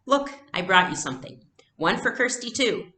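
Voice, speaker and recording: A woman's voice: medium pitch, very animated, moderate pace, sharp tone, roomy sound, pitched above the performer's own voice. Woman reading as a young man, family friend. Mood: cheerful. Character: warm, grave young man visiting secretly, family friend.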